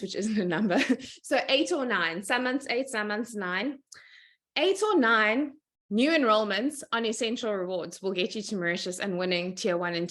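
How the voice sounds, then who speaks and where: A woman giving a casual presentation as a guest on a video call, chatty and upbeat with frequent laughs. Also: medium pitch. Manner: chatty, upbeat, laughs often between points. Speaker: guest speaker, sales team leader.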